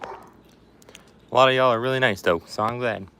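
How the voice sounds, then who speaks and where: A man's mid-range voice comes across steady, pushed and bright, clear and resonant, at a measured pace. He's hosting a livestream outdoors in a backyard, casually reading viewer comments in a fake folksy Appalachian hillbilly accent meant to disguise him.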